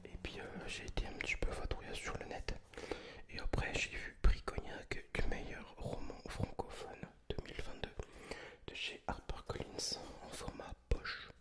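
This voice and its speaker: A man whispering in a hushed, breathy library whisper, chatting informally and hesitantly about things in ASMR style. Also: normal speed. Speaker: ASMR video creator. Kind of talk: whispered ASMR book chat.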